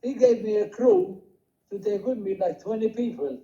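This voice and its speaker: An older man recounting his working life in a rambling, halting way, with many restarts and quoted dialogue. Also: sits high, huge pitch swings, warm tone. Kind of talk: rambling personal storytelling. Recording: dull lo-fi home recording.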